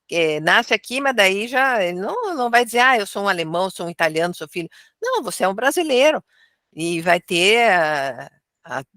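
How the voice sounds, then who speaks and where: A woman's voice: medium pitch, big pitch swings, normal speed, a bit bright, no room sound. Chatty Brazilian woman, dry close sound. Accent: Brazilian Portuguese. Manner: chatty, fills with "né" and "tal". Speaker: study group participant. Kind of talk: religious study group discussion.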